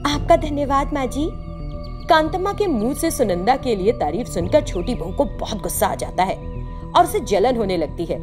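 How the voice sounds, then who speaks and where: A woman giving scripted narration for an animated storybook, in an expressive storytelling manner. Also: medium pitch, normal speed, music in the background.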